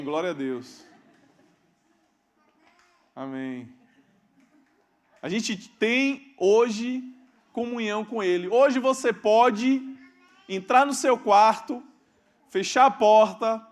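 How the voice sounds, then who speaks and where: A man preaching a sermon as pastor, asking questions of the congregation and swinging between loud emphasis and quiet asides. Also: high-pitched. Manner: calls out questions to the congregation and waits for amens. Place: church hall.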